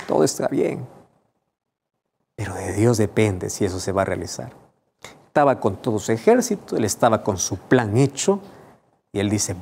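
A man's voice: medium pitch, gravelly, mellow, a little hiss or hum. A man preaching a sermon, emphatic, speaking directly to the listener.

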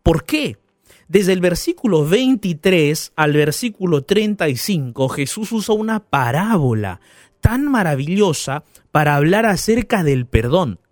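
A male pastor giving a radio sermon, retelling a parable with animated storytelling and asking the listener questions. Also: on the high side, a little slow, no echo, studio quality.

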